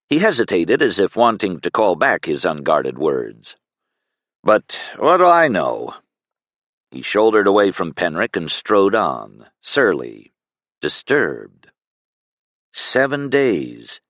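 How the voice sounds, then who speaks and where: A man narrating a fantasy audiobook in an expressive storytelling manner. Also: no echo. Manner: expressive storytelling with lively pitch swings.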